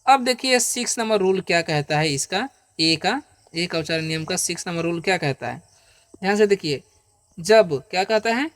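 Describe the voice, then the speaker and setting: A man with a fairly high voice teaching English pronunciation to beginners. He talks patiently and repetitively, often posing a question and answering it himself. He stretches the example sounds out slowly and keeps checking in with his listeners. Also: a bit bright. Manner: checks in with listeners with frequent "okay?" and "isn't it?". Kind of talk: Hindi-language pronunciation lesson.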